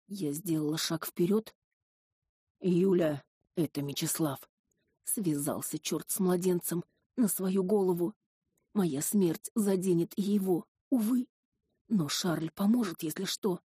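A woman's voice: on the low side, dark tone, breathy edge, no room sound, clean studio sound. A woman narrating a tense first-person audiobook in a dramatic reading style, with defiant dialogue.

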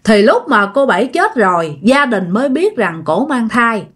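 A woman's voice: on the high side, big pitch swings, moderate pace, fairly bright tone, breathy edge. A woman with a Southern Vietnamese accent narrating a ghost story in a chatty way, speaking directly to her listeners.

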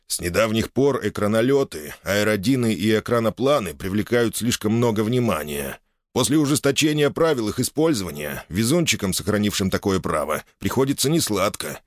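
A man's voice: fairly low pitch, sing-song, a little fast, no echo, studio quality, voice pushed up. A man voicing a stern, commanding older boyar who heads his clan. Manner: commanding, menacing.

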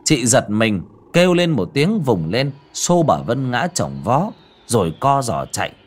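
A man narrating a ghost story in a dramatic, lively storytelling manner. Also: medium pitch, measured pace, husky.

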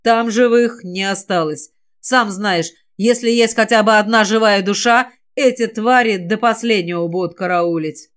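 A woman's voice: medium pitch, natural voice. Woman voicing a troubled wary scout. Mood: worried. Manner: slow, troubled, heavy sighs in words. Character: wary male rider, worried scout.

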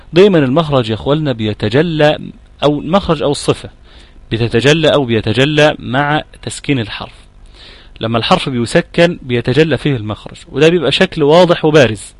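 A man's voice: medium pitch, quick pace, dry recording. A middle-aged man with an Egyptian accent teaching tajweed, explaining patiently, demonstrating sounds and checking that his students follow. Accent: Egyptian Arabic. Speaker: Quran recitation teacher. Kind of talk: tajweed lesson.

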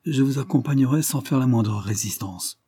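A man voicing a proud young gentleman who is accused of a crime and answers in a calm, measured way, in an audiobook reading. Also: mid-range voice, breathy edge, dry recording, pitched above the performer's own voice, lightly acted.

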